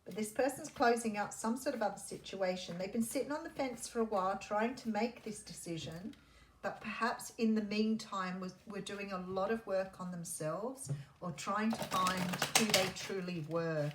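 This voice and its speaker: A woman giving a mystical tarot horoscope reading, speaking in an intuitive, musing way with pauses as she works through the cards. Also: medium pitch. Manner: intuitive, musing, pausing as cards are turned. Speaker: tarot reader. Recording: roomy echo, faint background noise.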